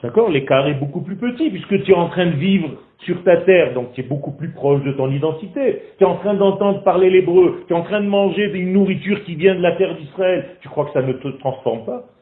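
Animated teacher in an echoey room. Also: male voice, high-pitched, a little fast, few pauses. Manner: animated, asks the group questions, teasing. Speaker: Torah teacher. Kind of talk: lively classroom teaching. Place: classroom in Israel. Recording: echoey room on a tinny phone-like recording.

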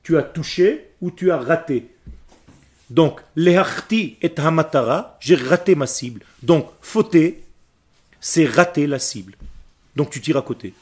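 This emphatic Israeli teacher of Hebrew and Torah, a native Hebrew speaker, questions his class and breaks things down word by word. He speaks at a measured pace in an expressive, higher-pitched voice.

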